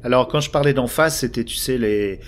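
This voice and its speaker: A man's voice: mid-range voice, steady tone, fast, a bit bright, a little hiss or hum. A man hosting a casual podcast chat, talking in a hesitant way and stammering and repeating words often. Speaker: podcast host.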